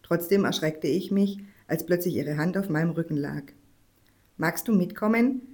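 A woman reading a children's story aloud in a calm, even way. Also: low-pitched, normal speed. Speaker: reader.

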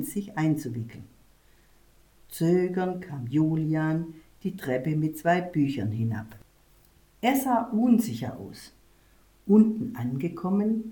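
Woman storyteller, low pitch, unhurried measured reading. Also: dark tone. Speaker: reader.

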